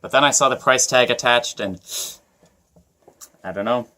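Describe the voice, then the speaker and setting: A man's voice: medium pitch, moderate pace, bright, forceful tone, lightly acted. A man playing a blustering older male politician who gives a rambling, preachy speech with folksy asides in a comedy sketch. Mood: indignant.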